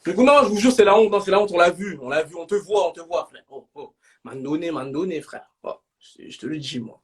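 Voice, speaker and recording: A young man hosting a live stream in casual banter, slangy and bursting into shouts. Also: sits high, brisk.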